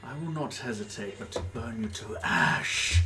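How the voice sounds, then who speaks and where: A man's voice: on the low side, normal speed, faint music behind, close to an everyday voice. A man voicing a haughty, menacing guardian of a treasure hoard in a tabletop game, formal, curt and condescending. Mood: stern, threatening.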